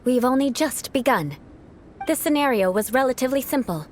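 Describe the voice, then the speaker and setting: Casting: a haughty young noblewoman in a game, lively, fairly high delivery, music bed. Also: a little fast, a little hiss or hum. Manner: formal, condescending. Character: proud young aristocratic woman knight, composed and haughty.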